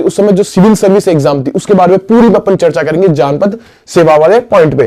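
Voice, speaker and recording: Casual history teacher, slightly high voice. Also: male voice, warm tone. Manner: casual, asks and answers his own questions; calls listeners "bhaiya". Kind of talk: exam-prep history lesson.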